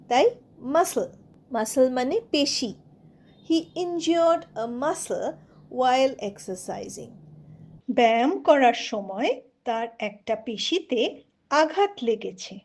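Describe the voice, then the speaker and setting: Female teacher, high pitch, unhurried letter-by-letter spelling delivery. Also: a little mellow. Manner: spells words letter by letter, example sentences read very slowly. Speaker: English pronunciation teacher. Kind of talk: Bengali-language English vocabulary lesson.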